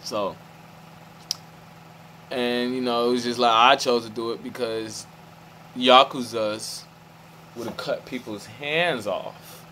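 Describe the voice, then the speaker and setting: A man's voice: medium pitch, steady tone, slow, long pauses, sharp tone, slight background noise, rough recording. A man talking to the camera in a loose, meandering monologue, often restarting his sentences and checking in with his listener. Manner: meandering, restarts, keeps asking "you feel me".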